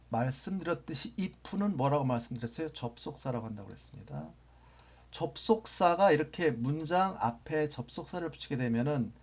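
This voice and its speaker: A man's voice: medium pitch, darkish tone. A man teaching English grammar in a lecture, patiently repeating phrases and sometimes dropping almost to a whisper for example sentences.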